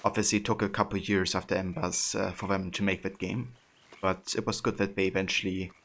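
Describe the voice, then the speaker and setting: A young man livestreams in a deep voice with vocal fry. He chats casually and haltingly in a flat tone, with faint game ambience behind him. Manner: hesitant, pausing, reads chat aloud. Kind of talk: casual game-stream chat.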